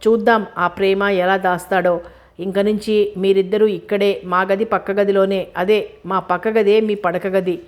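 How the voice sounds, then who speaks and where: A serious, kind-hearted man in a storybook, voiced by a woman narrator, mid-pitched and steady. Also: moderate pace, natural voice. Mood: firm. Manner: firm, serious. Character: grown man, firm but kind friend.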